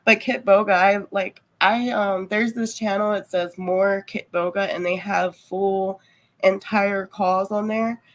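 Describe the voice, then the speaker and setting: A woman's voice: medium pitch, fairly even intonation, a little slow, low-quality recording. A woman livestreamer chatting casually with viewers, rambling and heavy on fillers. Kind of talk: casual chat.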